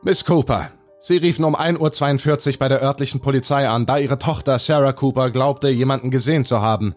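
Horror radio play: male actor as formal, probing police interrogator, pitched up a little, over faint music. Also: a little fast, darkish tone, lightly acted. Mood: formal questioning. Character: businesslike male police interrogator questioning a witness. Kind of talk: horror audio drama acting.

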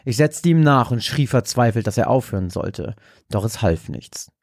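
Man, scripted horror narration, measured delivery, dry close recording. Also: mid-range voice, expressive, darkish tone, dry recording. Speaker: podcast host and story narrator.

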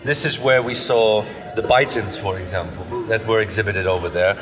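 A man's voice: on the low side, moderate pace, over music. A man from Europe chatting casually as a podcast co-host, emphatic and often repeating words for stress. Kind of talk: casual car show discussion. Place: indoors at an auto show stand. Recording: echoey hall with crowd chatter.

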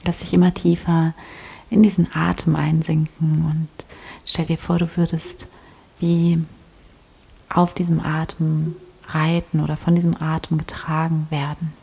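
Woman doing a guided prayer, soft half-whisper, low and dark, pretty flat. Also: measured pace, gravelly, husky. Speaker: prayer leader.

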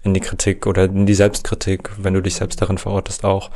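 A podcast host interviews a guest in a low, warm voice with completely flat delivery and a fast pace. He is friendly and careful, searching for his words as he puts his questions.

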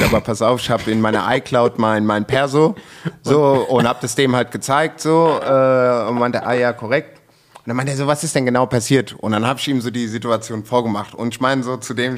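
A young man co-hosting a casual podcast, telling a story with lots of slang and acting out the quotes. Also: medium pitch. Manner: animated storytelling, acts out quotes, filler-heavy slang. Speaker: podcast co-host.

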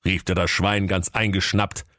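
A man tells a parody fairy tale with dry, deadpan timing. His voice is low. The sound is close and dry. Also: normal speed, dry recording. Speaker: narrator. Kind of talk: comic fairy-tale narration.

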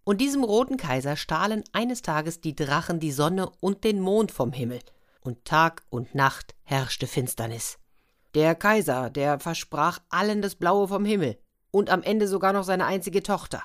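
A woman with a very low-pitched voice reads a fairy tale aloud. She speaks in a chatty, friendly manner and slips in asides to her listeners. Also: expressive, measured pace. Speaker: storyteller.

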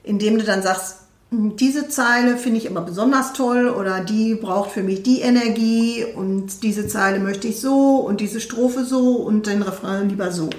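A woman's voice: mid-range voice, moderate pace. A woman co-hosting a casual podcast, talking in a rambling way with many fillers. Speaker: podcast co-host, music learner. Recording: roomy, slightly distant mic.

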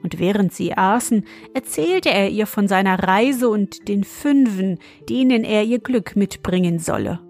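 A woman reading a fairy tale aloud in a slow, measured way. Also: medium pitch. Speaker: storyteller.

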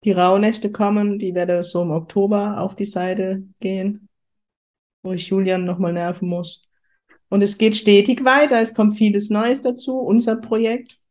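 A woman from Kurpfalz in southwest Germany, a spiritual medium, hosts a podcast full of spontaneous, casual chat. Her voice is mid-range and darkish, delivered flatly at a moderate pace, though her manner is effusive and exclamatory.

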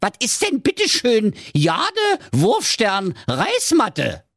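A man's voice: high voice, wildly swooping pitch, takes it slowly, a bit bright, dry recording, studio quality, pitched above the performer's own voice, full character voice. A man voicing a hot-tempered ninja with a strong Berlin accent, brash and insulting. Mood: angry.

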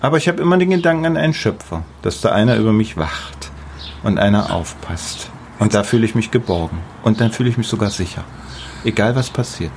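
A man's voice: on the low side, expressive, brisk, darkish tone, slight background noise. A middle-aged man with a German accent, speaking casually and emphatically in an interview about the house he builds, often repeating words for stress. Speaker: artist building his house.

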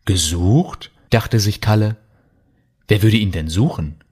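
A man narrating a scripted audio story with lively storytelling. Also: lowish voice, a little slow, breathy edge.

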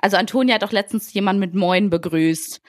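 A woman co-hosting a podcast in casual chat, talkative and quick to laugh, calling in from a holiday trip. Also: mid-range voice, no echo, clean studio sound. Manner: chatty, laughs often. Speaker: podcast co-host. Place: on holiday away from the studio.

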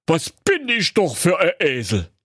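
Guy doing squeaky preachy zebra dude, bouncy voice, super dry sound. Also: wildly swooping pitch, measured pace, fairly bright tone, slightly rough, no echo, exaggerated voice. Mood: earnest. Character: donkey turned zebra, male, bossy then earnest.

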